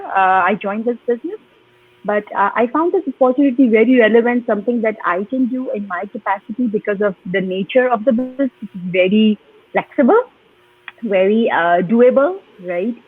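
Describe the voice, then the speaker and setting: A woman from Pakistan answers interview questions earnestly, pausing on fillers. Her voice is husky and comes through a tinny, phone-like video call line. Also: medium pitch. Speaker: guest. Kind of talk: live online interview.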